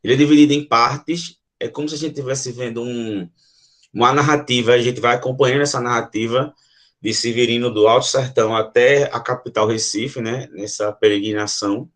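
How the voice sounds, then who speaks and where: A man's voice: medium pitch, steady tone, fairly quick, fairly bright tone. A Brazilian man gives a literature lesson in a mid-range voice. He explains step by step, with many fillers and frequent check-ins with his students. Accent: Brazilian Portuguese. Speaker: teacher.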